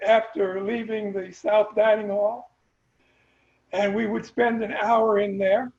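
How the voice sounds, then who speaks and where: An older man with a high, heavily gravelly voice, reminiscing in a wry, joking way. His voice comes through a dull, lo-fi line that sounds echoey, as if from a bare room. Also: little pitch movement, slow pace, a little mellow. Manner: wry, joking, addresses the group directly. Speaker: alumnus guest. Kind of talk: casual reminiscing.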